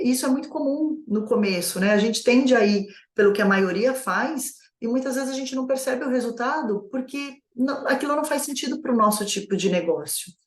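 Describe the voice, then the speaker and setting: A woman's voice: a little high, reverberant. A woman coaching new business owners in a conversational lesson, asking herself many rhetorical questions. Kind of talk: online course lesson.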